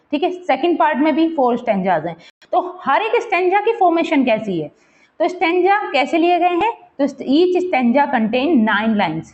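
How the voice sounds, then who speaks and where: Her voice is high-pitched and a little mellow, heard on lo-fi sound. She's a teacher explaining a poem for an upcoming exam, sprinkling in English terms, checking in often with students, and counting and repeating words aloud as she points to the text.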